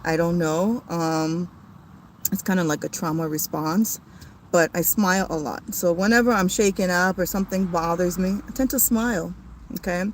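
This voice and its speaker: A woman in her thirties on a livestream, tearful and halting, with many fillers and restarts. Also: lowish voice, slight background noise. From came to the US as a child. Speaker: family channel host. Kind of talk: emotional livestream talk.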